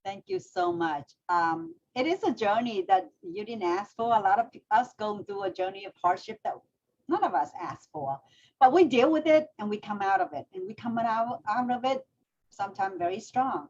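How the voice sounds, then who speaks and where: A woman's voice: mid-range voice, lively intonation, normal speed, a little mellow, highs cut off. A woman from Vietnam co-hosting a talk show, chatty and full of fillers as she introduces her guest. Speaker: co-host.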